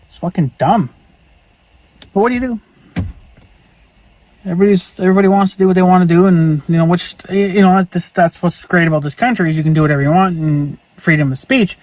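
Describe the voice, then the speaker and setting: A man's voice: high-pitched, brisk, pauses often, darkish tone, poor audio. A man ranting angrily and profanely in a casual vlog monologue, repeating himself as he goes. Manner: angry, profane, repetitive ranting. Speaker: vlogger.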